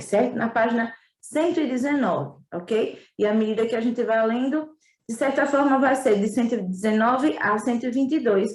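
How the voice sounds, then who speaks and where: A woman's voice: fairly high pitch, darkish tone, echoey room. A woman schoolteacher with a Northeastern Brazilian accent, giving an affectionate remote lesson and checking in often with her pupils.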